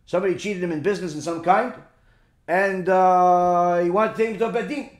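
A man's voice: sits high, steady tone, a little fast. A middle-aged man, a rabbi, giving a Torah sermon with emphatic rhetorical questions to his listeners. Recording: roomy echo.

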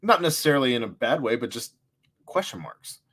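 Male host, mid pitch, conversational sports rundown, easy laugh. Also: animated, fairly quick, a bit bright, breathy edge. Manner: steers the talk, rundown of college football news, laughs easily. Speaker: podcast host. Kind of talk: casual sports chat.

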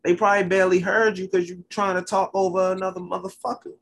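A man's voice: sits high, little pitch movement, fast talker, creaky, a bit bright. A man hosting a podcast with casual, profane, slangy banter and teasing. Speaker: podcast host.

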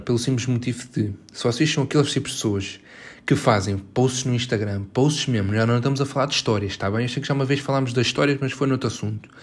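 A young man with a European Portuguese accent hosting a solo podcast from his bedroom, talking in a sarcastic, exasperated, mock-dramatic way. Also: medium pitch. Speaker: podcast host.

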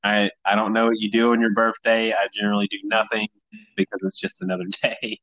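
A thirty-year-old Tennessee man with a Southern accent hosts a podcast of casual comedic chat, wry and sweary, acting out what people say. His voice is fairly low and fairly bright with a level tone, and he talks a little fast. The recording is muffled but has no echo.

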